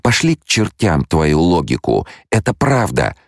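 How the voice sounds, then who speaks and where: A man voicing an anguished, imperious young noblewoman with visions, in an audiobook; she speaks in a sharp, pleading, breathless way. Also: sits low, big pitch swings, a little slow, dry recording, studio quality, faint music behind, voice pushed up, full character voice. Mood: bitter. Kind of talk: audiobook character voice.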